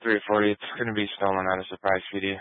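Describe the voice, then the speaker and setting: A male police dispatcher talks over a radio transmission, reading out codes and vehicle details in a flat, clipped monotone. His voice sits low and clear. The sound is thin and narrow like a phone line, completely dry. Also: very fast.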